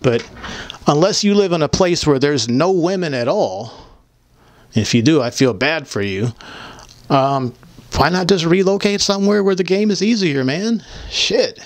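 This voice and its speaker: A man's voice: a little high, lively intonation, measured pace, dry recording. A young man talking into a handheld mic in a small room as he answers viewer comments. His talk is blunt, crude and rambling, and he mocks as he goes. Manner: blunt, profane, rambling and mocking. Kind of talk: casual, crude monologue. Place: small indoor room with photo-covered wall. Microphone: handheld microphone held close.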